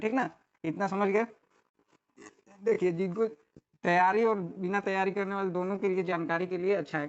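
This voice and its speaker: High-voiced man teaching in a casual tone. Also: a little mellow, clear, resonant tone. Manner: repetitive, checks in often with filler tags. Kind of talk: casual classroom explanation. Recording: dull lo-fi sound.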